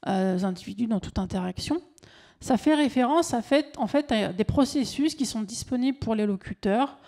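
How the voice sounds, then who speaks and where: A woman's voice: fairly high pitch, mellow. A middle-aged woman lecturing on linguistics, hesitant, with many fillers and restarts. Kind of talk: academic lecture with slides.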